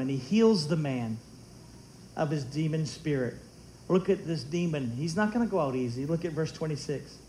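A man preaching a sermon in a church, animated and conversational, with humorous asides. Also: on the high side, slight background noise, low-quality recording. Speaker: pastor. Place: church sanctuary.

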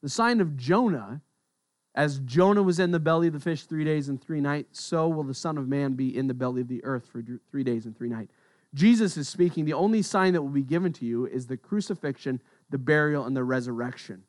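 A man preaching a sermon on a gospel passage, animated and conversational, dropping to quiet asides. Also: medium pitch, a little fast, no echo, clean studio sound. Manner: animated, acts out quoted voices, drops to quiet asides. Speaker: pastor.

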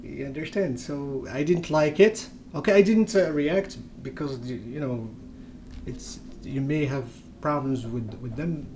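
His voice is fairly high with a darkish tone, a little slow, and the recording carries a little hiss or hum. He's a young Moroccan man, Berber (Tamazight) as his first language, speaking English hesitantly in a conversational interview with many fillers and restarts.

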